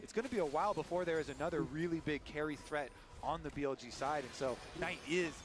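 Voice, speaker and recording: A man's voice: fairly high pitch, quick pace. A man commentating an esports final, building hype and asking dramatic questions. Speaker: esports caster. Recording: broadcast feed with crowd noise. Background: arena crowd.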